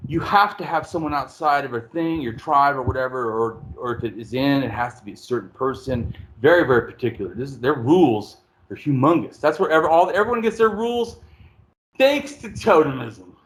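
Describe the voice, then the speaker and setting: A man hosting a casual conversation, explaining at length in a rambling, animated way and swearing freely. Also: fairly high pitch. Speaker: podcast host.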